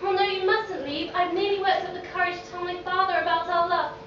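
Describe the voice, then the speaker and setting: High-voiced, lovestruck pantomime ingenue played by a woman. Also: fairly even intonation, fast, fairly bright tone, highs cut off. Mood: lovestruck, dramatic. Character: sweet, lovestruck young Victorian master's daughter. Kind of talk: stage pantomime acting. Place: on stage in a theatre hall. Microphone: distant camera in the audience. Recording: very echoey theatre from far off, noisy.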